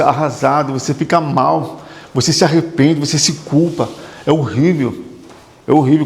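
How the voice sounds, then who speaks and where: A man, a psychotherapist, giving an emphatic motivational talk to an audience, repeating phrases and putting questions to the room. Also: a little high. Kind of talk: motivational lecture. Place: hall with an audience. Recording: echoey hall with long reverb.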